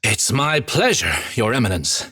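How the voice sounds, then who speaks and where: A man doing an eager, bright-voiced priest. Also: mid-range voice, sing-song, measured pace, husky, voice pushed up, exaggerated voice. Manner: eager, exclaiming, encouraging. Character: middle-aged priest-astronomer, eager and earnest.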